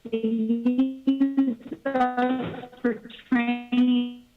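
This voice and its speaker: A woman's voice: on the high side, little pitch movement, very slow, narrow, tinny audio, over loud music. A woman calling in to give public comment, her voice cutting in and out over a choppy connection as she halts and restarts phrases. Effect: choppy breaking-up call connection that cuts in and out. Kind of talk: public comment at a county meeting. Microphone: remote call line.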